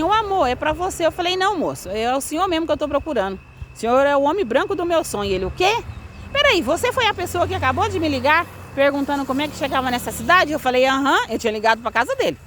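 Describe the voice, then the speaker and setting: A woman's voice: fairly high pitch, fairly bright tone, a little hiss or hum. A woman telling a personal story in casual speech, acting out the dialogue of the people she met. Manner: acts out quoted dialogue of other people.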